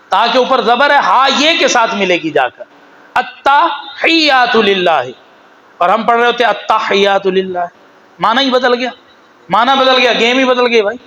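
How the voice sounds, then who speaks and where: A man with a Pakistani Urdu accent preaches a sermon animatedly, shifting between low storytelling and raised exhortation. He recites Arabic phrases slowly, drawing them out. The recording quality is low.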